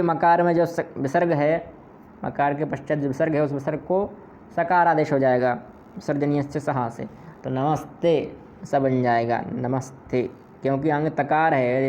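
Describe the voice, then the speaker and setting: A man teaches grammar in a patient, step-by-step way, pausing often to ask himself questions and repeat examples. His voice sits a little high for a man. The audio is slightly dull and lo-fi, with a faint hiss underneath. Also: fairly even intonation, a little mellow. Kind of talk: explanatory lesson.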